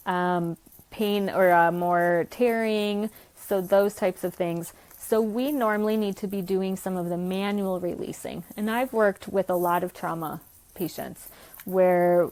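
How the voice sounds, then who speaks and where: A woman's voice: medium pitch, darkish tone. A young adult woman, a physical therapist, explaining her clinical work earnestly in a conversational podcast interview. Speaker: pelvic floor physical therapist guest.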